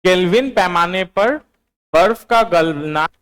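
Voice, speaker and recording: Man, teacher, high voice, repetitive dictation, quizzes online class. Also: measured pace, a bit bright, clear, resonant tone. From Bihar, India. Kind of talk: classroom lecture, dictating notes.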